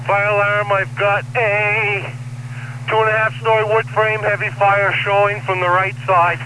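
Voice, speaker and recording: A man's voice: high-pitched, little pitch movement, measured pace, bright, forceful tone. A man speaking as a fire officer on scene, giving urgent, terse, commanding orders over firefighter radio. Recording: noisy two-way radio transmission.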